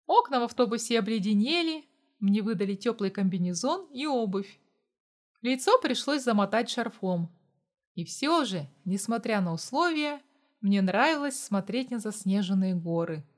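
A woman narrates a first-person audiobook in a steady storytelling manner. Her voice sits a little high. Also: normal speed.

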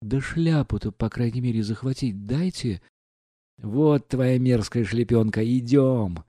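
A man's voice: mid-range voice, mellow, dry recording, studio quality, close to an everyday voice. A man reading an audiobook, voicing an imperious, hot-tempered older noblewoman who scolds and snaps. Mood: agitated scolding. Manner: scolding, quick to anger.

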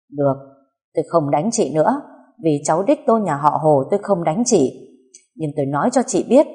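An enraged older family patriarch who scolds his daughter-in-law in hard, biting tones, voiced by a woman reading the story. His lines come out raised and forceful. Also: fairly low pitch, breathy edge. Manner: harsh berating.

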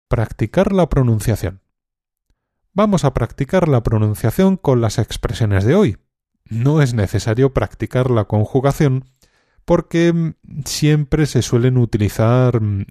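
A man teaching a language lesson, speaking calmly and deliberately with some hesitant fillers. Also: mid-range voice, no room sound, studio quality. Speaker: Spanish teacher. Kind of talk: slow, clear language lesson.

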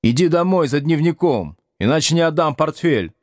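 A cocky young male teacher, put on by a man reading an audiobook snaps orders at his class in a sharp, scolding voice pitched well above the reader's own. The delivery is lively and commanding. The recording is close and dry. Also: moderate pace, no echo, lightly acted. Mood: contemptuous.

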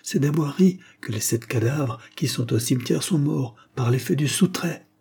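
A man's voice: medium pitch, normal speed, gravelly, mellow, breathy edge, pitched above the performer's own voice. A man reading an audiobook, voicing an older peasant widow who runs an inn and speaks with fearful, pleading urgency. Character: frightened old peasant widow innkeeper.

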